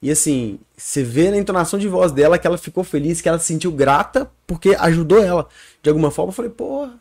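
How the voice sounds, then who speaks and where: A man's voice: a little high, a little mellow. A man co-hosting a casual podcast who often chimes in with short words of agreement. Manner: quick agreeing interjections. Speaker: podcast co-host.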